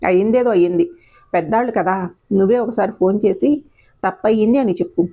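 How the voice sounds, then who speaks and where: A woman voicing a gentle older mother who speaks softly and tries to persuade in an audio story. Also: mid-range voice, fairly quick, lightly acted. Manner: soft, coaxing.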